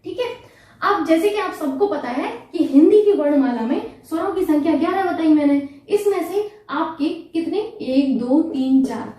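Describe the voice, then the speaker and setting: Speaking at a moderate pace in a high, mellow voice with lively intonation, a woman teaches exam-focused Hindi grammar. She asks her students questions, gives the answers herself, and patiently repeats the key terms, recorded from a distance in an echoey room.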